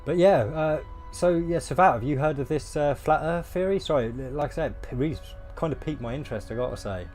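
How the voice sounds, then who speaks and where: A man with a hoarse voice, chatting casually with viewers on a game livestream. He rambles and fills pauses with ums and uhs. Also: fairly high pitch, darkish tone, soft background music. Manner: rambling, many fillers, laughs at himself. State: losing his voice, coughing. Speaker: game streamer. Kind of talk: casual live-stream chat with viewers.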